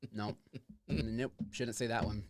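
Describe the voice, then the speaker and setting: A man's voice: lowish voice, steady tone, takes it slowly. A man hosting a podcast in casual chat, rambling and playful, with some swearing. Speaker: podcast host.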